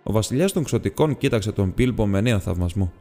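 A man narrating an audiobook in a steady, measured reading voice. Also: lowish voice. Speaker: audiobook reader. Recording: long reverb with faint music.

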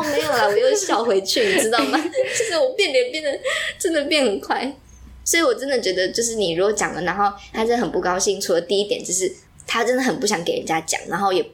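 This is a young woman who talks very fast in casual chat. She tells animated stories and fills her speech with plenty of fillers. Her pitch sits in an ordinary middle range. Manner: animated storyteller, heavy use of fillers.

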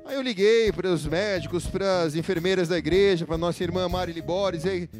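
A man's voice: high voice, normal speed, a little mellow. A man preaching as pastor in a church, telling a funny story and joking with his congregation in a livestreamed sermon. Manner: joking, chatty, asks the congregation questions. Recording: guitar music playing underneath. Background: guitar music.

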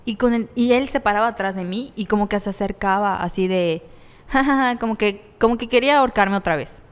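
A woman's voice: mid-range voice, fast, smooth, big-room sound. A young adult woman with a Mexican accent, co-hosting a podcast and telling a personal story in candid, slangy, casual talk, often laughing as she speaks. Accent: Mexican Spanish. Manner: candid, laughs through hard memories, slangy.

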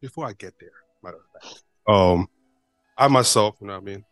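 Male podcast host, immigrant, low voice, loose filler-heavy chat, dry sound. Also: a little fast, fairly bright tone, dry recording, soft background music. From immigrant to the United States. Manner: rambling, many fillers like "you know what I mean". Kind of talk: casual interview chat.

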